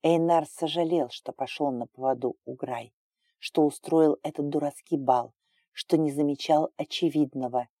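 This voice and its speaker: A woman reads a story aloud in a calm, even manner. Her voice sits low and dark, mellow in tone. The recording is close and dry. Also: normal speed, dry recording. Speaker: narrator. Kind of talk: storybook narration.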